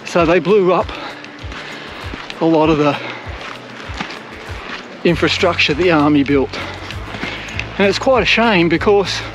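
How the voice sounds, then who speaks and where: An older Australian man talks on the move in a fairly high voice, rambling and self-mocking as he hikes. He is recorded outdoors on an action camera held at arm's length. Music plays behind him. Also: takes it slowly, pauses often, poor audio. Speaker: hiking vlogger. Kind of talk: casual walking commentary. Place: outdoors on coastal bush trail and beach.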